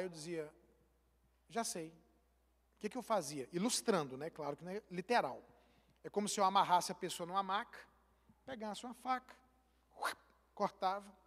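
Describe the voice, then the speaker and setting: High-voiced Brazilian pastor preaching. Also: male voice. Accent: Brazilian Portuguese. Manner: animated storytelling, acts out dialogue. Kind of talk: sermon. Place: large church hall. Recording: long church hall reverb.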